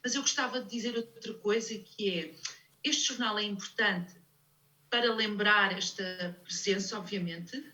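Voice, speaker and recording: A woman's voice: mid-range voice, measured pace, sharp tone, distant mic, poor audio. A woman in her forties with a European Portuguese accent, a sociologist guest on a studio talk show who keeps tagging points with "não é?" between hesitant fillers. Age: 40s. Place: television studio.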